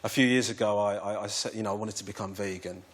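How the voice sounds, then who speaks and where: A man's voice: fairly low pitch, fairly even intonation, fast. A man from England, a comedian guest telling self-mocking stories on a chat show and acting out the people in them. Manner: storytelling, self-mocking, acts out quoted voices. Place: television studio with live audience. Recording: loud audience laughter and applause.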